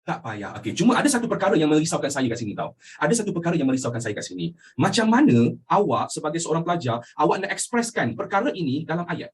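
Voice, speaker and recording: A young Malaysian man teaching history with a Malaysian accent, animated and constantly asking his students questions. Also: on the high side, fast talker, hardly any pauses, slightly rough. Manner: animated, asks students questions constantly, mixes in English phrases. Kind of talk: lively classroom lecture.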